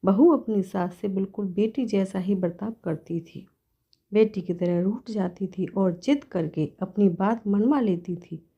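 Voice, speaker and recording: A woman's voice: mid-range voice, unhurried, slightly rough, muffled recording. A woman storyteller reading an emotional family story aloud in a plain, earnest way.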